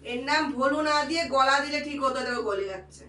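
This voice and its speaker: A woman's voice: sits high, fast, sharp tone. A woman host chatting casually in a home vlog, scolding and cooing at her pets as she goes. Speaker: home vlogger.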